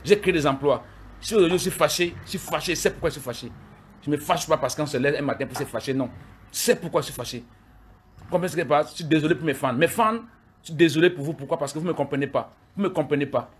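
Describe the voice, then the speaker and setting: A man's voice: a little high, racing, breathy edge. A middle-aged man, ranting heatedly at his critics on a livestream and repeating himself. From Cameroon. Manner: heated, repetitive, addressing critics directly. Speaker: live video streamer. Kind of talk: angry livestream rant.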